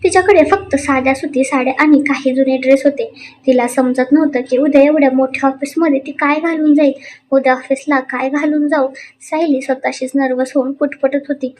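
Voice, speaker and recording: A woman storyteller reads a scripted serial story aloud. Her voice is high and expressive, with a steady pace and a faint hiss in the background. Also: fairly quick.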